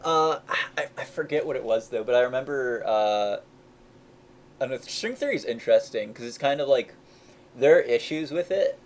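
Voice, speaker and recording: A young game developer, a native English speaker, rambles in casual chat, often restarting sentences and laughing at himself. His medium-pitched voice is creaky and a little mellow, with slight hiss or hum behind it.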